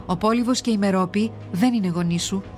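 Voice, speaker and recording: An earnest male royal messenger from an animated myth retelling, voiced by a woman narrator, who delivers grave news in a measured, solemn tone. The voice sits at a middle pitch, and faint music plays underneath. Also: close to an everyday voice.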